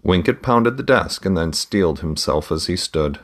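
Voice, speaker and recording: A man narrating a fantasy story aloud in a steady, measured reading. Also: low-pitched. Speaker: audiobook narrator.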